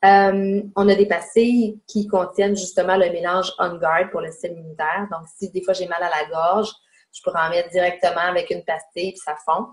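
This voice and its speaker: Her voice sits on the low side, level in tone and a little quick. She's a Québécois-accented woman in her forties teaching a relaxed home webinar, chatty and using her own body to show what she means. It's picked up indoors by a webcam microphone over a video call.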